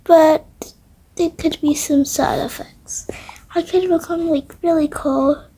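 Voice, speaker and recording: A female video creator improvises a game roleplay aloud, often slipping into hesitant, half-whispered asides to herself. Her voice sits high and is mellow, with a steady tone and slow pace, over faint background noise.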